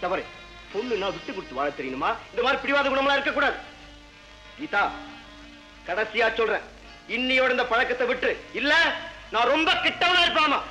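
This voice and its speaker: A man's voice: extremely high pitch, sing-song, fairly quick, long pauses, bright, forceful tone, soft background music, exaggerated voice, poor audio. An actor playing an elder brother who lectures his sister sternly and then coaxes her playfully, in a 1970s film drama. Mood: scolding.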